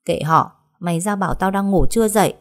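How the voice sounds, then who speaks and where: A woman's voice: medium pitch, fast talker, natural voice. A woman voicing a spoiled, short-tempered young man who snaps rudely. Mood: irritated. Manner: rude, snapping.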